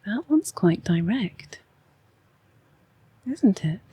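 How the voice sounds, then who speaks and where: A woman with an English accent speaks in a hushed, half-whispered ASMR voice, unhurried and very breathy. She reads oracle cards in a soft ramble, with a close, dry sound. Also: mid-range voice, very animated, no echo. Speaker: oracle card reader and ASMR host. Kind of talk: soft-spoken rambling ASMR card reading.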